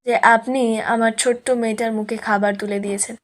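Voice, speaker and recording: A woman voicing a gentle, humble father in a spoken serial recap. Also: on the high side, steady tone, fairly quick, close to an everyday voice. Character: humble, caring father, man.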